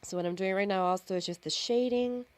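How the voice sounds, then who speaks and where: A woman walks viewers through her own face-paint look as a makeup artist, talking quickly in a mid-range voice with no echo. She's casual and chatty, using fillers and frequently correcting herself, recorded on camera and phone.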